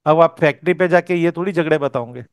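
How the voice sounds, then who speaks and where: A man's voice: a little high, quick pace, clear, resonant tone, no room sound. Man, teacher, explaining patiently, resonant voice, dry room. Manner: explanatory, checks understanding with "okay?". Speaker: vastu teacher. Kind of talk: explaining while teaching a course.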